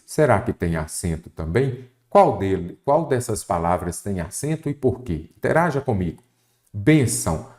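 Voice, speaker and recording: A man's voice: lowish voice, sing-song, normal speed, a little mellow. A Brazilian man teaching a Portuguese exam-prep lesson, explaining step by step and asking the viewer questions. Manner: didactic, asks the viewer questions.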